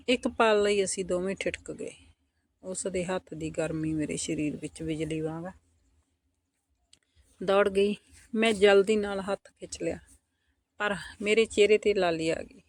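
A woman with a Punjabi accent narrating a first-person story in a soft, intimate scripted delivery. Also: lowish voice, dry recording.

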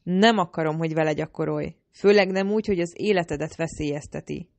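Egy nő, aki egy hangoskönyvben egy védelmező, parancsolgató, hirtelen haragú fiatal férfit szólaltat meg. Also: female voice, low-pitched, gravelly, a little mellow, no room sound. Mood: stern. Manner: commanding, exasperated. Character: protective, bossy young man, quick to anger.

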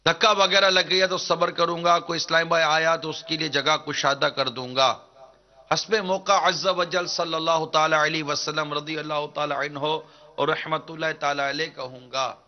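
A man preaching a devotional sermon in an earnest, measured declaiming manner. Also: fairly high pitch, fairly even intonation. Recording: dull lo-fi recording.

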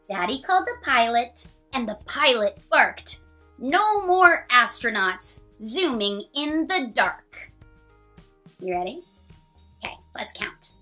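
A woman in her thirties reads a children's picture book aloud with a fairly high pitch. Her delivery is expressive and sing-song, stretching out lines and counting along.

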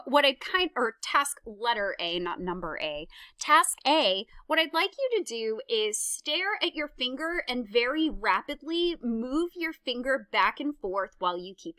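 A bright, chatty psychology lecturer records a slide lecture as a close-miked voice-over with no room sound. Her pitch is fairly high, and she pokes fun at herself while giving hands-on instructions.

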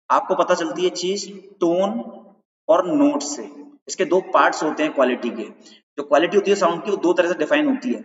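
A male teacher giving an exam-prep lecture in Hindi mixed with English terms, who keeps asking questions back and repeating the key points. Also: fairly high pitch. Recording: roomy, distant, dull sound.

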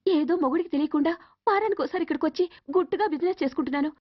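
An actress playing a sharp-tongued, fiery woman who scolds fast, from a dull lo-fi film soundtrack. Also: sits high, close to an everyday voice. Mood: angry.

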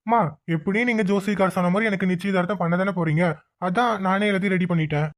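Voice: mid-range voice, steady tone, lightly acted. A voice actor playing an irritable young man in a cartoon, curt and dismissive. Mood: insistent. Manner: curt, rapid.

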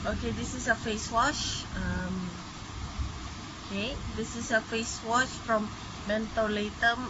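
A woman's voice: fairly high pitch, fairly even intonation, slow pace. A middle-aged woman chatting casually about products as a vlogger, raising her voice in heavy rain. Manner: raised voice to talk over heavy rain. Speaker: beauty vlogger. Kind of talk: casual product review chat. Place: small bedroom at home. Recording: dull, noisy audio with heavy rain. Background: heavy rain outside.

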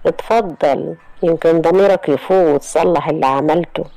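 A woman's voice: low voice, moderate pace, dark tone, no room sound, rough recording. A woman voicing a stern male doctor with an Egyptian accent, scolding in a firm tone. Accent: Egyptian Arabic.

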